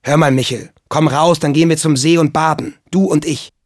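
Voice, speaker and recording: A man's voice: mid-range voice, normal speed, slightly rough, dry recording, clean studio sound, lightly acted. Man voicing an easygoing farmhand, friendly and coaxing, storybook audiobook.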